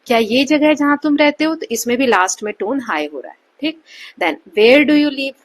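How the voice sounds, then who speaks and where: Woman teacher explaining an English lesson. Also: big pitch swings. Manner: mixes Hindi and English, reads English lines slowly then explains; models question intonation with rising and falling pitch.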